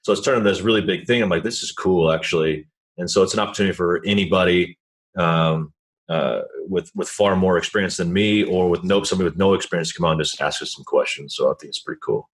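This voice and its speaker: A man's voice: low voice, fast. A man hosting a podcast, chatting in a laid-back, easygoing way and laughing easily. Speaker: podcast host. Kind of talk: casual interview chat.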